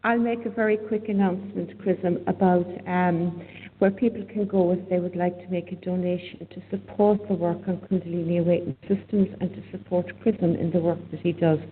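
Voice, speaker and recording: A woman calling in to a talk show, deliberately keeping her voice low, with her voice sounding like it is in a cave. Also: steady tone, a little hiss or hum. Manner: deliberately speaking low and quiet. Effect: cave-like echo on her voice. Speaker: co-host and group administrator calling in. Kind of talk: call-in talk show chat. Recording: tinny phone line with cavernous reverb.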